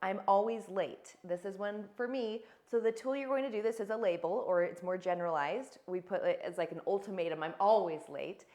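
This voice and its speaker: A woman's voice: mid-range voice, a little fast, few pauses, darkish tone. A middle-aged woman coaching in a casual, earnest teaching voice, acting out examples of self-talk. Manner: earnest, conversational, acts out sample self-talk. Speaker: fitness and emotional health coach.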